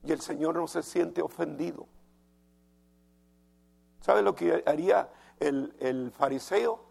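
Slow gravelly-voiced male preacher. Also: on the high side, darkish tone. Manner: emphatic, asks the congregation questions, slows down on key words. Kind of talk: sermon.

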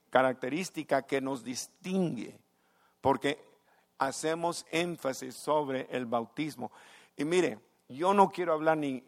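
A male pastor, preaching a fervent sermon that swells into impassioned shouts and keeps calling his listeners "brother". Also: on the high side. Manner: addresses listeners as "hermano".

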